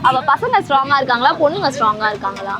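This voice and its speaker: A woman's voice: high-pitched, sing-song, very fast, loud music behind the voice. A woman interviewing passers-by outdoors on a street, firing off teasing, probing questions. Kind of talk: street vox-pop interview.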